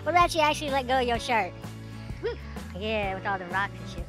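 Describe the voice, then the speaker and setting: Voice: mid-range voice, expressive, brisk, music in the background. An adult with a sped-up chipmunk voice filter, chatting and narrating what they see while filming on a phone outdoors in a wooded park. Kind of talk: casual vlog chat on a walk. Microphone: handheld phone camera.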